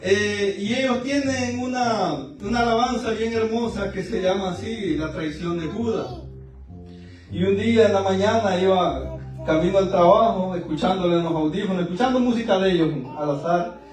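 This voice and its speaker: High pitched guy preaching at church, emotional testimony, lots of echo, mic far off. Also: moderate pace, soft background music. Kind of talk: evangelical sermon. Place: church service in a large room. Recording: very echoey room, voice far from mic.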